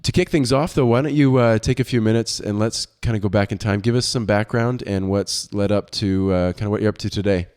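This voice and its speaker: A man's voice: fairly low pitch, fairly quick, hardly any pauses, a little mellow, smooth. A man hosting a podcast interview, upbeat and welcoming, with casual fillers. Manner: upbeat, welcoming, uses "kinda" and "uh". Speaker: podcast host.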